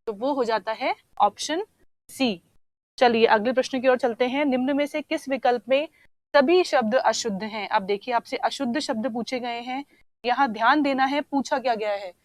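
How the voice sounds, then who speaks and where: A woman's voice: sits high, dry recording. A woman teaching a Hindi language lesson for exam preparation, patiently explaining each answer and repeating key words. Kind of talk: online exam-prep lesson.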